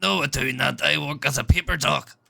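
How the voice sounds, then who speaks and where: Gravelly, sharp-toned man, gruff. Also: a little high, brisk. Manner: gruff, swears constantly, impatient. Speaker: roleplay player in a job interview. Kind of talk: in-character game roleplay.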